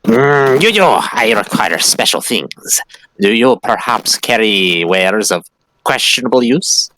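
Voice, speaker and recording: A man's voice: on the low side, lively intonation, slow pace, sharp tone, exaggerated voice. A man voicing a small, sly rat creature that speaks in broken grammar and in the third person.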